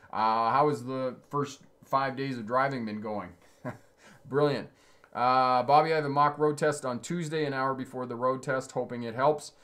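A man's voice: mid-range voice, fairly bright tone. A man in his fifties, originally from Ontario, hosts a casual webcam livestream from a small home studio. He reads viewer comments aloud and answers them as a driving instructor, keeping his replies upbeat and encouraging. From Ontario, Canada. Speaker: driving instructor and channel host. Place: indoor home studio with signs on the wall.

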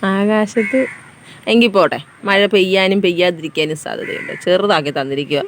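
A woman's voice: medium pitch, fairly even intonation, normal speed, slight background noise. A woman playing a miming game with her daughter, teasing her and giving orders in casual family chat. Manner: playful, teasing, bossy game-giver.

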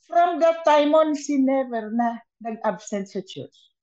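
Animated Filipina-American guest storyteller. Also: female voice, high-pitched, slow pace, lo-fi sound. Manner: animated storytelling, mixing Tagalog and English. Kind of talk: casual testimony.

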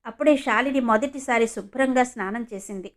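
Woman narrating a story, somewhat high. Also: fairly quick.

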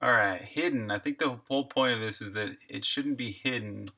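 A man's voice: medium pitch, normal speed, pushed and bright. A man live-streaming while he codes a game, chatting casually, reading viewer comments aloud and laughing often.

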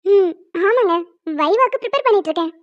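A squeaky young cartoon wife, voiced by a woman, sweet and pleading, chattering at a quick clip in a very high, pitched-up voice. The recording is dull and lo-fi. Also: animated. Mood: teasing. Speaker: voice actor. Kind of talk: homemade cartoon dubbing.

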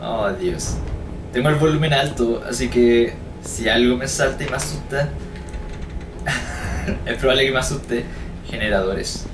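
Chatty and joking, this man narrates his gameplay at a moderate pace, thinking out loud as he explores. His mid-range voice is a bit off-mic and distant, set against roomy echo, game music, and background noise.

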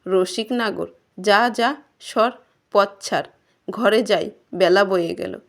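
A woman's voice: mid-range voice, takes it slowly. Woman reading as a mocking village priest. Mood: scornful. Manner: mocking and sharp-tongued. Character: scornful village priest, older man.

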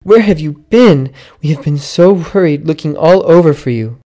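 A woman's voice: low voice, expressive, normal speed, dark tone, voice pushed up. A woman playing a firm, questioning mom. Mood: worried. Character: worried, skeptical mother. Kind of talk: storybook character voice.

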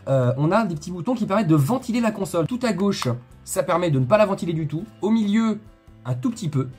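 A man's voice: high-pitched, lively intonation, fast talker, a little mellow, breathy edge, faint music behind. A man hosting a casual unboxing video, chatty and joking, often repeating himself and talking straight to his viewers. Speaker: tech video host.

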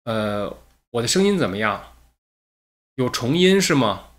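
A man's voice: medium pitch, very animated, measured pace, a bit bright. A man hosting a casual livestream. He chats to viewers about his mic and then reads a listener's letter aloud. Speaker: livestream host. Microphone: streaming mic with a noise gate.

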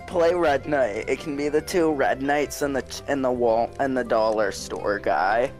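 A man's voice: medium pitch, measured pace, soft background music. A man bantering casually with friends during an online game. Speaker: gamer. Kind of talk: casual gaming chat with friends.

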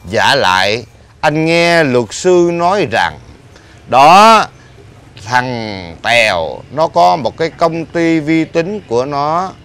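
An actor playing a blind, middle-aged ex-husband who pleads and complains at length in a TV drama. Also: male voice, on the high side, big pitch swings, slow pace, a bit bright, smooth, heavily acted. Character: blind middle-aged man, self-pitying, talkative. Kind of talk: TV drama acting.

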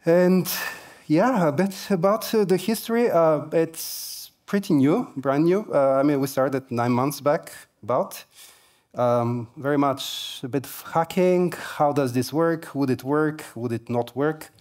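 A man in his forties delivers a tech conference keynote on a large stage through a headset mic, speaking casually with plenty of fillers and light humor. His voice is fairly high-pitched with a darkish tone, and he takes his time.

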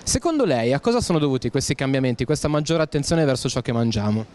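Brisk young male street interviewer. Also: mid-range voice, sing-song, darkish tone, a little hiss or hum. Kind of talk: street vox pop interview. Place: outdoors on a town street. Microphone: handheld mic.

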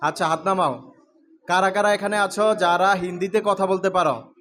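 A man teaching English to a room of schoolchildren, asking questions and calling out letters loudly. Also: high voice, steady tone, normal speed. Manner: calls out questions and drills the class, often loudly. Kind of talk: classroom lecture to students. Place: classroom with pupils.

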